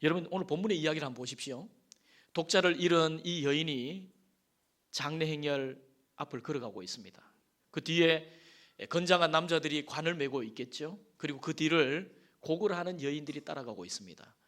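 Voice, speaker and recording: Korean pastor preaching with rising emphasis. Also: male voice, a little high, a little fast, fairly bright tone. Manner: emphatic preaching with swells in volume and rhetorical questions to the congregation; folksy storytelling with asides and affirming "yes". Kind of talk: sermon. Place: church sanctuary.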